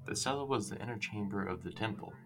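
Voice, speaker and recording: A man's voice: on the low side, quick pace, over music. A man reading out facts in a school presentation. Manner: plain, reads out facts. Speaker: class presenter. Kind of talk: read-aloud school presentation.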